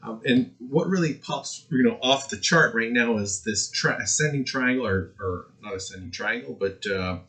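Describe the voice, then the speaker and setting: A man's voice: mid-range voice, normal speed, few pauses, sharp tone. A man hosting a trading channel, giving casual chart commentary in a crypto-bro manner, mixing hype with hedging.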